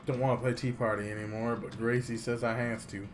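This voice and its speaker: A man's voice: mid-range voice, level tone, brisk, lightly acted. A naive, uneasy little frontier girl tells her diary in folksy, childlike words, read out by a man. It is game storytelling with music behind it. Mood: sad, reluctant. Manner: plain childlike phrasing, read aloud.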